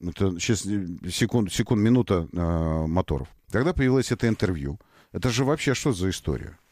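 A man's voice: sits low, expressive, brisk, a little mellow, dry recording, studio quality. A man hosting a casual radio talk show, joking and ironic as he chats with his co-host. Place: radio studio.

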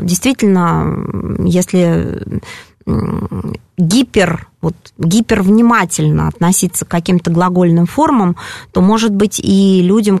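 A woman answering listeners' language questions on a radio call-in, speaking in a measured, explanatory way with frequent hesitant pauses. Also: mid-range voice, darkish tone, no echo, clean studio sound. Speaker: language expert answering callers.

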